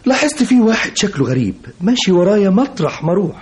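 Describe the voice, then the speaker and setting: An excitable Egyptian husband. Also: male voice, high voice, rapid-fire. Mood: agitated. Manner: animated storyteller.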